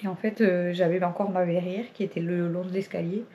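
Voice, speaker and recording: Chatty woman with a very dark voice. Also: fairly low pitch, steady tone, a little fast, a little hiss or hum. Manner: chatty, rambling, laughs often. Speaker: family vlogger. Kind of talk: casual vlog chat to camera.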